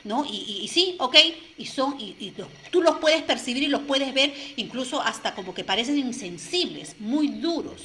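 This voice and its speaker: A woman's voice: medium pitch, sharp tone, a little hiss or hum. A woman life coach speaking earnestly and directly to listeners in a motivational talk, often checking in with "no?".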